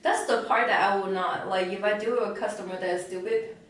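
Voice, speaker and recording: A woman's voice: mid-range voice, steady tone, fast, fairly bright tone. A woman co-hosting a podcast in casual chat, blunt and brief in her replies. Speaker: podcast co-host. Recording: very echoey room, mic far off.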